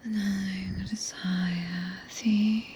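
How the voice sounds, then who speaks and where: Woman doing a british witch consort for asmr, breathy whisper, super slow and mellow, regal but tender, old timey wording. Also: mid-range voice, little pitch movement, slight background noise. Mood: solemn, devoted. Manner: slow, archaic, soothing speech. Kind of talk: whispered ASMR roleplay, scripted.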